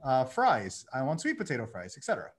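A man in his thirties, a guest on a podcast, telling his story in a lively way and acting out his own inner dialogue. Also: mid-range voice, fast talker, breathy edge. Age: 30s. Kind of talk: casual conversation.

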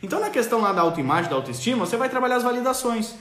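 A man gives casual parenting advice on a live stream from a roomy space that puts a clear echo on his voice. He speaks high and fast, swooping through his pitch as he animatedly acts out parents and children.

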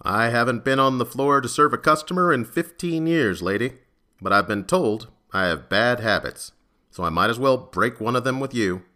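A man voicing a fat, gruff middle-aged bartender who talks in a grumbling, shrewd way, in an audio story. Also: medium pitch, expressive, moderate pace, bright, forceful tone. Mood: gruff, wry.

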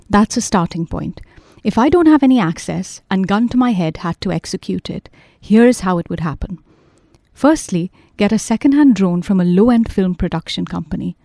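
A man's voice: high voice, vocal fry, mellow, no room sound, studio quality. A woman doing a wry, worn-out young man.

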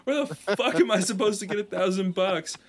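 A man doing a high, whiny voice for a broke sixty-year-old man who has used drugs for decades. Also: fairly quick. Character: broke washed-up man of sixty, longtime drug user.

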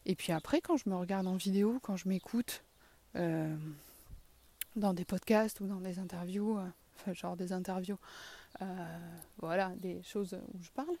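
A woman's voice: on the low side, fairly even intonation, moderate pace, gravelly, mellow. A woman with a southwest French accent, hosting a casual solo podcast while walking around her garden, candid and self-deprecating with the odd swear word. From southwest France. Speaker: podcast host.

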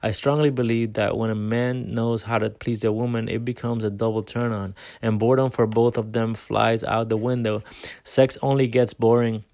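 A man narrating a nonfiction audiobook in a steady reading voice, now and then stumbling and restarting a word. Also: fairly low pitch, moderate pace, creaky, hardly any pauses, dry recording, clean studio sound. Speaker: audiobook reader.

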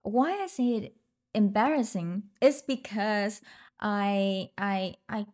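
Young vietnamese-accented woman, slow, soft warm tone, lots of ums, chatting on a podcast. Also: mid-range voice. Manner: hesitant, many fillers, laughs lightly. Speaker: guest singer. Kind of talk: casual interview chat.

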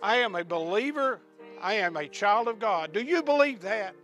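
Bright-voiced preacher man. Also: high-pitched, lively intonation, moderate pace, soft background music. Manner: rising to shouts of praise, then hushed prayer; repeats questions to the congregation. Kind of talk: sermon with closing prayer.

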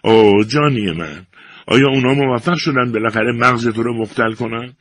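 A man's voice: deep voice, very animated, vocal fry, fairly bright tone, breathy edge, no room sound, heavily acted. A man voicing a desperate young woman calling out tearfully to her fiancé. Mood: pleading. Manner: pleading cries.

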